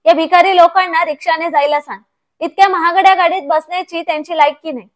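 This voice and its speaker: A woman's voice: very high-pitched, fairly even intonation, fast. A woman voicing an arrogant rich young daughter-in-law who talks with contempt. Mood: scornful. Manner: contemptuous, insulting tone.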